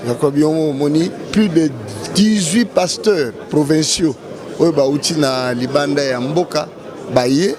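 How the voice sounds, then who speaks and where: A man, a pastor, giving a calm statement to the press with many hesitations. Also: on the high side, unhurried, crowd noise. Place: outdoors at a hotel.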